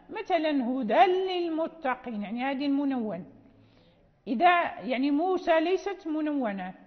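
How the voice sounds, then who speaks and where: A woman teaching Quran recitation rules, explaining slowly and repeating phrases with checking questions. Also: sits high. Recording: dull lo-fi sound in a reverberant hall.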